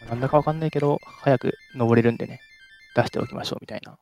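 A man's voice: mid-range voice, fairly even intonation, very fast, vocal fry, darkish tone, soft background music. A man playing a speedrun at home, chatting casually with the commentator in a modest, polite way. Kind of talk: casual chat while playing.

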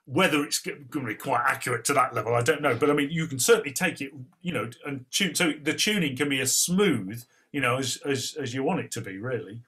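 Bright-voiced Northern English man explaining. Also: mid-range voice, quick pace, hardly any pauses. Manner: relaxed, explanatory, with fillers. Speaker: guest speaker. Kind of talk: casual technical talk.

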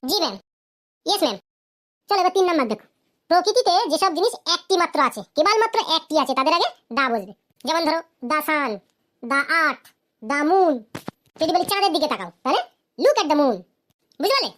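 High-voiced woman teacher, quick and questioning. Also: very animated, fairly bright tone, slight background noise. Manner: asks questions and answers them, slow deliberate English examples. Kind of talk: cartoon grammar lesson.

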